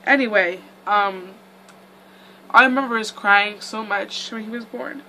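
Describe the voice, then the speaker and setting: A young woman chats through her storytime, rambling and filling gaps with "like" and "um". Her voice is bright and clear, with a faint background hum. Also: medium pitch, measured pace, poor audio. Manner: chatty, rambling, lots of "like" and "um". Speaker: vlogger. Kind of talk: casual storytime.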